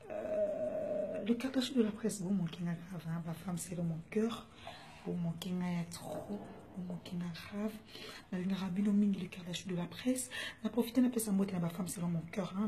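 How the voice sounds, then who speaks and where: Woman, casual greeter, low and mellow, talks in French and Lingala and calls out names one after another. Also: slight background noise. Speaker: commentator sending greetings. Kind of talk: casual chat.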